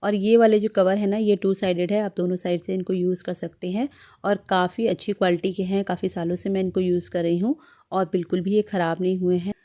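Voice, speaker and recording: A woman narrating her home vlog as a voice-over in a gentle, chatty manner, giving homemaking advice to her viewers. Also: lowish voice, flat delivery, a little fast. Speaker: homemaking vlogger.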